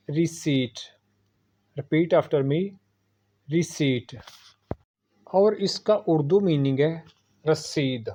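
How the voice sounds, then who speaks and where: A man teaching English pronunciation in a scripted vocabulary lesson, speaking slowly and deliberately and repeating each word for the listener. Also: on the high side, warm tone. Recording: dull, lo-fi recording.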